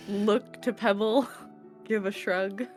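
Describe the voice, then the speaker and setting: A woman's voice: medium pitch, fairly even intonation, drawn-out words. A woman chatting casually as a player at a tabletop game. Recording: background music under the voice.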